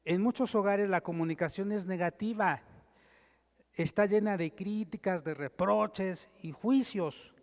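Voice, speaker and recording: Pastor with a higher voice in a reverberant hall. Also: male voice. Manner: measured teaching with numbered points; reads scripture aloud. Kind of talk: sermon.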